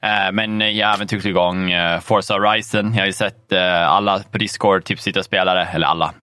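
Bright-toned, low-voiced man chatting casually. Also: steady tone, smooth, dry recording. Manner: rambling, many fillers and casual swearing. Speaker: podcast co-host. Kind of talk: casual chat about video games.

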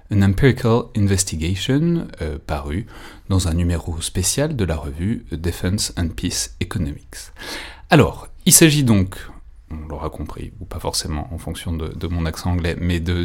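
A man's voice: low-pitched, darkish tone. A man hosting a research podcast, introducing guests and asking questions with many fillers and restarts. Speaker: podcast host. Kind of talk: podcast interview.

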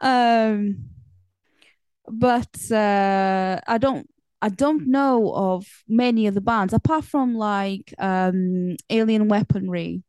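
A woman chats casually, drifting from point to point and padding her pauses with "um" and "like." Her voice is smooth, clear and steady at a middle pitch, recorded close and dry with no sense of the room. She is from Portugal, and Portuguese is her first language.

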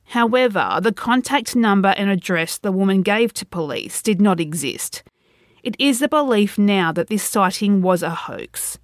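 A woman hosting a podcast, reading a scripted true crime narration in a measured, serious, suspenseful storytelling manner. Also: medium pitch, expressive, dry recording, studio quality.

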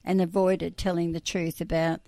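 A middle-aged woman co-hosts a relaxed podcast conversation and talks like a patient teacher breaking ideas down. She laughs easily between points. The recording is dry, with no room sound. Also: on the low side, normal speed, no room sound. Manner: laughs often, explains in a teacherly way. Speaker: podcast co-host. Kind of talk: casual chat. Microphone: phone or remote call.

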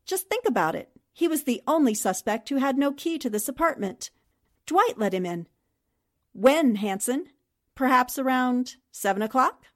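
An actress plays a shrewd newspaperwoman turned sleuth in a 1940s radio mystery. Her slightly high voice is expressive and moves at a moderate pace, and she speaks with confident, methodical precision.

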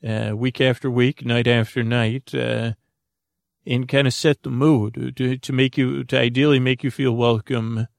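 Hosting a bedtime podcast, a man with a heavily creaky, gravelly voice improvises in a meandering, halting, goofy way, trailing off into tangents. His middling male pitch shows little movement, and the recording is dry and close with no echo.

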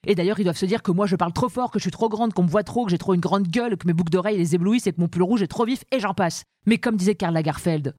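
A woman hosting a comic monologue about the origins of insults, talking in a lively, playful, self-mocking way. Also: lowish voice, very fast, few pauses, no echo, clean studio sound. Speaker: host.

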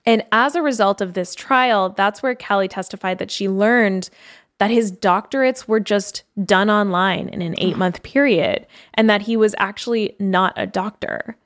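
A woman's voice: mid-range voice, normal speed. A woman co-hosting a podcast, telling a case story in a chatty, casual way with lots of fillers. She is from Canada. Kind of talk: casual chat.

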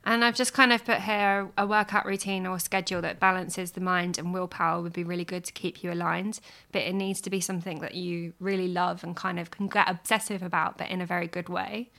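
A woman hosting a podcast, reading an astrology chart in a measured, explanatory way. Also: on the low side, steady tone, gravelly, sharp tone.

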